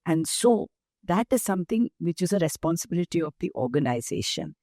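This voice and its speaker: An older woman with an Indian accent, speaking as a guest in an interview, measured and emphatic as she explains through lists of examples. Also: on the low side, sing-song, mellow, no echo, clean studio sound. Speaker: guest, nonprofit founder. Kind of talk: interview conversation.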